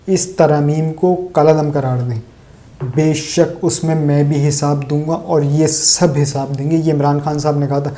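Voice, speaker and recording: A man's voice: a little high, mellow. A man from Pakistan delivering sarcastic, opinionated solo political commentary straight to his viewers.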